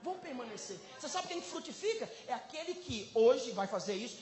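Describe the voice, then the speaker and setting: A man, a pastor, preaching a sermon at a conference, swinging between loud exclamations and quiet, intimate passages. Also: very high voice, sing-song, brisk, echoey room, slight background noise. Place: large conference hall.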